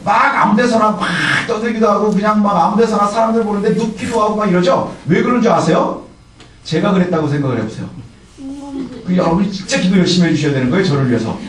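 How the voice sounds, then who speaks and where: A middle-aged male pastor giving a lively, conversational sermon. He acts out quoted voices and fires rhetorical questions at the congregation. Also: high-pitched. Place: church sanctuary. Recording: echoey hall, mic far off, faint noise.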